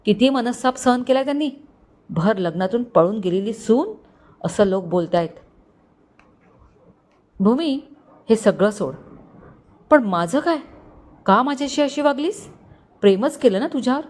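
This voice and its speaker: A woman's voice: on the high side, expressive, measured pace, long pauses, darkish tone. A woman voicing an angry young groom who coldly scolds his former bride in a storybook reading. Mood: reproachful. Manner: stern, reproachful.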